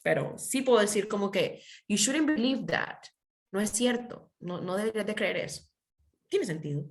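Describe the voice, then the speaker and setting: A woman's voice: mid-range voice, animated, a little fast, a little mellow. A woman teaching an English class over a video call, who explains patiently with everyday examples and keeps checking in with her students. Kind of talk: online class, switching between English and Spanish. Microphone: computer mic on a video call.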